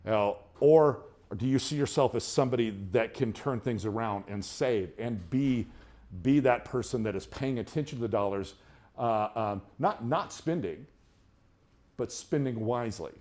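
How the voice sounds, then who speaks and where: A middle-aged man teaching a money class in a casual, rambling way, with frequent restarts, getting more animated during personal stories. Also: normal speed. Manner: grows more animated and higher when telling personal stories. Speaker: budgeting class instructor. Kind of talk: classroom lecture.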